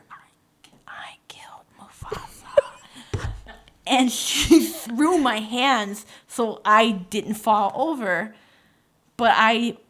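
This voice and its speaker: A woman co-hosting a podcast, telling a story in casual, animated chat, swearing often and acting out voices when she quotes. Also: mid-range voice. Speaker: podcast co-host.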